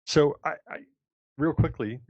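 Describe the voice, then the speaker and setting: A man's voice: on the high side, measured pace, a little mellow, no room sound. A man co-hosting a casual live stream, easygoing, with short interjections and dry jokes. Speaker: co-host. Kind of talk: casual livestream chat. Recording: dull, lo-fi dry remote mic.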